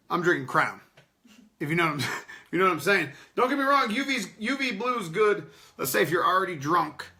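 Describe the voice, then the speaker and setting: Bright-voiced rambling podcast host, a man. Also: on the high side. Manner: loose, rambling and profane, laughing often. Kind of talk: unscripted casual chat with live chat readers.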